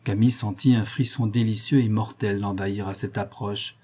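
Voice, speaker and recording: Male audiobook narrator, warm and slightly husky, measured novel reading. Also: fairly low pitch, fairly even intonation.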